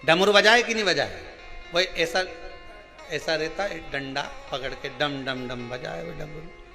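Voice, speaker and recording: A man with a central Indian Hindi accent preaching a sermon, telling a story with acted dialogue and swinging between soft and loud. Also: a little high, unhurried, vocal fry, long reverb tail, soft background music.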